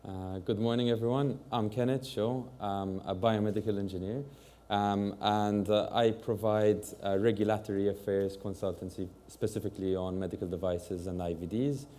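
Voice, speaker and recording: Very deep, flat-voiced man. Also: normal speed. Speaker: regulatory consultant, panelist. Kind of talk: conference panel talk.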